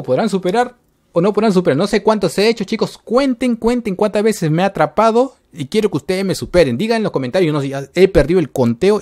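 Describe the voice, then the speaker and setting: A man giving excited gameplay commentary to his viewers, yelping and shrieking when he gets caught. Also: high voice. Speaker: gaming YouTuber.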